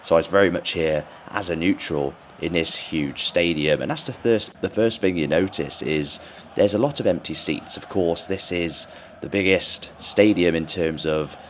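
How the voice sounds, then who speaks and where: An English man with a low, hoarse voice narrates a vlog in an informal, chatty way. His voice sounds strained and partly gone. There is some stadium noise around him. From England. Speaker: football fan vlogger. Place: large open football stadium. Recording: noisy stadium ambience. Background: stadium ambience.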